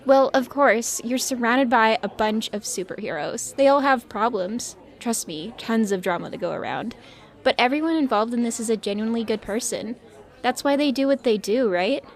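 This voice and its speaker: A woman's voice: on the high side, expressive, normal speed. An actress playing a nosy young woman who teases and gossips nonstop. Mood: teasing. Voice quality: teasing, chatty. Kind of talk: audio drama acting.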